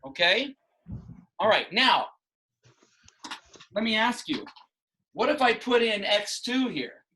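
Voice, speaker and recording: A man's voice: high voice, big pitch swings, slow pace, sharp tone, poor audio. A man in his thirties teaching a math class online from a small room at a whiteboard, patiently asking questions and explaining step by step.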